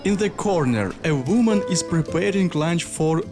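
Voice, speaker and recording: A man narrating a travel documentary as a voice-over, in slow, measured sentences. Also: a little high, animated, music in the background.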